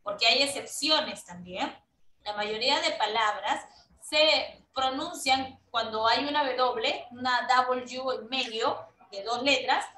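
A woman's voice: a little high, pushed and bright, reverberant, distant mic, poor audio. A woman teaching English to children in an online class, patient, repeating herself and checking that the kids follow along. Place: room at home on a video call. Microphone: laptop mic on a video call.

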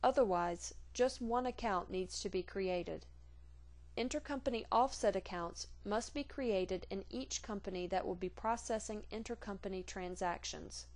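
A woman with a medium-pitched voice reads scripted narration for a software tutorial. Her instructional delivery is measured, formal, and neutral.

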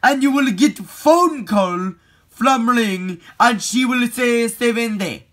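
Performer doing a spooky curse voice, stilted broken phrasing, slow and ominous. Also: medium pitch, fairly bright tone, pitched above the performer's own voice. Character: spooky phone-call curse voice.

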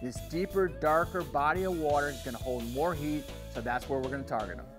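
A calm middle-aged man with a slightly raised pitch explains fishing patterns from a seat on an outdoor porch. Guitar music plays clearly behind him. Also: brisk. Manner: calm, informative. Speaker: fishing show host. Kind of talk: explanatory interview narration.

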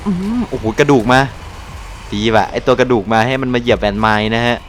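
A young man from Thailand giving casual live commentary over his gameplay, excitable and loose, swearing and exclaiming at the action. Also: medium pitch, brisk, a little hiss or hum. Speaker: gaming channel host.

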